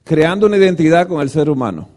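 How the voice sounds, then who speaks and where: High-voiced man preaching a lecture. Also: fast. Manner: animated, asks the audience rhetorical questions; acts out quoted dialogue. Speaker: guest lecturer at a church.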